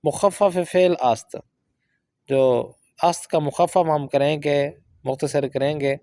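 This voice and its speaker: Man teaching Persian lessons, higher voice. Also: warm tone, no room sound. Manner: slow, drawn-out reading of example sentences. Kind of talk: language lesson explaining book exercises.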